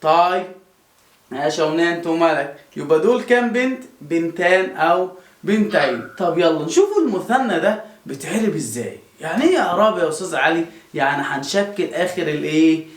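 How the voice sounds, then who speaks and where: Egyptian male teacher, high animated voice, echoey room; quizzes kids, answers himself. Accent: Egyptian Arabic. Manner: lively, quizzing pupils and answering them himself. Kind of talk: children's grammar lesson.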